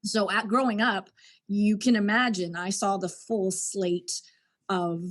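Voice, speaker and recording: A Canadian woman telling her own story as a podcast guest, speaking frankly and reflectively. Her voice sits at a typical middle pitch. She lets an easy laugh through from time to time. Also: fairly even intonation, measured pace. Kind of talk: candid personal storytelling.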